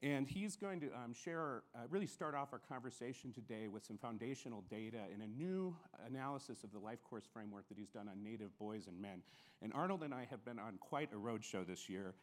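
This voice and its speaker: A man's voice: medium pitch, expressive, brisk. A man moderating a conference panel, introducing speakers in an upbeat way with frequent ums. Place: conference plenary stage.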